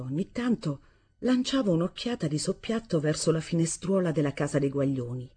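A woman reading a literary novel aloud on a studio microphone, measured and expressive. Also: deep voice, slightly rough. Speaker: audiobook reader.

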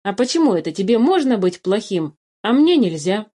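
A woman voicing a hot-tempered young boy who accuses and argues loudly. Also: mid-range voice, very animated, moderate pace, husky. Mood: hesitant, stubborn. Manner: loud, indignant, accusing.

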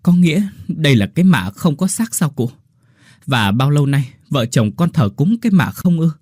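A man's voice: lowish voice, animated, moderate pace, warm tone, slightly rough, dry recording, clean studio sound. A man voicing a grieving older village father who cries out in anguish. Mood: tearful.

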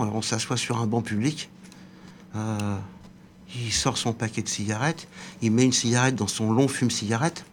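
Slight background noise accompanies a man in his sixties, once a bookseller, now a radio interview guest. In a mid-range voice, he tells an anecdote with lively energy and acts out the dialogue.

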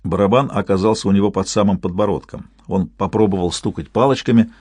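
A man reading a literary story aloud in an expressive way, changing his voice for the figures. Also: lowish voice, fast talker, husky, no echo, clean studio sound. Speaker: narrator, reader.

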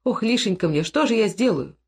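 Woman doing a young peasant wife, soft, tearful, hushed lulling voice, lively pitch. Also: a little fast, slightly rough. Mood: despairing.

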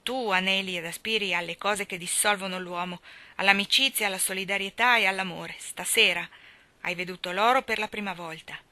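A woman voicing a cold old rich man for a storybook reading, slow and disdainful, with a bright, forceful tone. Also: medium pitch, no echo, lightly acted. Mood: cold, scornful. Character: old, dry, rich Englishman, cold and scornful.

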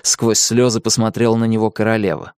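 A man narrating a storybook with expressive storytelling. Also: fairly low pitch, brisk, clear, resonant tone, dry recording, studio quality. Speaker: audiobook narrator. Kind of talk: scripted narration.

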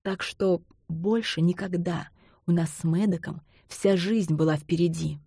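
A woman reads a novel aloud in the first person with a measured, intimate delivery. Her voice is low, dark and a little husky. It is recorded close and dry, with no room sound. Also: steady tone, dry recording. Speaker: audiobook narrator.

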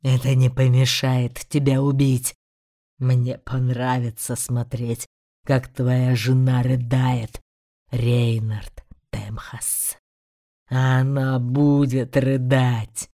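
A woman voicing a huge, mocking male demon of greed, speaking in a low menacing growl that sometimes drops to a hissed whisper. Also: level tone, slow, warm tone, exaggerated voice. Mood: gloating.

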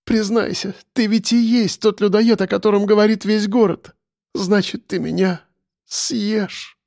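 A man voicing a frightened young woman who pleads with her captor, high and strained, tearful. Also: lively intonation, moderate pace, a little mellow, no echo, studio quality. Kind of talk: audiobook character voice.

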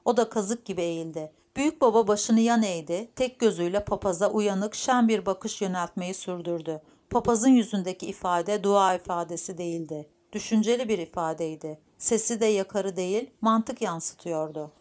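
A woman narrates a novel in a steady, measured way. Her voice sits at an ordinary middle pitch. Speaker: audiobook narrator. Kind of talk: scripted narration.

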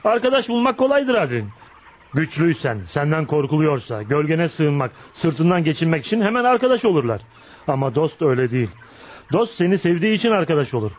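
In this Turkish radio theater piece, a man's voice, a little high and very animated, moves along fairly quickly. He plays a dreaded, homely hard man with a good heart, friendly and earnest, questioning people bluntly in a folksy way and tossing in "ha?" again and again.

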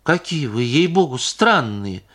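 A man's voice: mid-range voice, very animated, unhurried, fairly bright tone, pitched above the performer's own voice. A male audiobook reader voicing an evasive young woman, a singer, who answers defensively. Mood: sulky. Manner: defensive and whining. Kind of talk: audiobook character reading.

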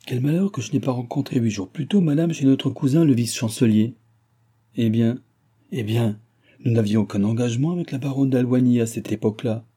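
A man reading an audiobook, voicing an excitable, scheming nobleman with a theatrical, insinuating manner. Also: mid-range voice, brisk, slightly rough, lightly acted.

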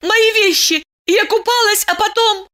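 A woman voicing a frightened, injured young woman who pleads urgently in a high, strained voice. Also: takes it slowly, sharp tone, exaggerated voice. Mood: desperate.

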